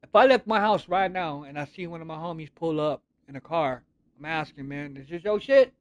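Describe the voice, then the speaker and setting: Male streamer, animated and blunt storyteller, higher voice, dry close mic. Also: a little fast, no room sound. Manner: animated, blunt, heavy swearing. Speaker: gaming streamer. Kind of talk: casual storytelling on a livestream.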